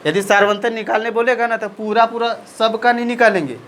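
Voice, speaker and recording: Male maths teacher, high-pitched, asks and answers his own questions, faint background noise. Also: steady tone, fairly quick, fairly bright tone, poor audio. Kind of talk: classroom maths lesson.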